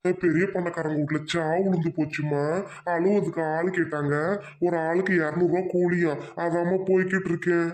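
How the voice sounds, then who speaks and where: A woman's voice: lowish voice, fairly even intonation, normal speed, a little mellow, lightly acted. A woman with a Tamil accent voicing a blunt, bossy elder village woman in a cartoon. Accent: Tamil, Trichy region. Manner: blunt, commanding.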